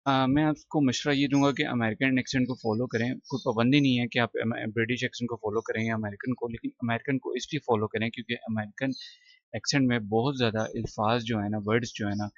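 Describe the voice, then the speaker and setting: A man's voice: mid-range voice, steady tone, no room sound, lo-fi sound. A man teaching an English textbook lesson, patiently explaining word meanings and translating line by line. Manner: patient, explains slowly with many "theek hai" checks.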